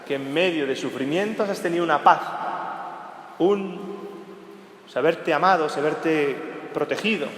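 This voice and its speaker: A man, a priest, giving a weekday homily, speaking emphatically in short repeated clauses addressed to the listener, rising to urgent raised phrases and sinking to low quiet ones. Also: a little slow, pauses often, a little hiss or hum. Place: church. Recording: echoey church hall with long reverb.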